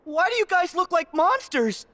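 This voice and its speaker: An actor voicing an earnest, friendly teenage boy hero in an animated video game. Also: very high-pitched, normal speed, heavily acted. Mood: uneasy, wary.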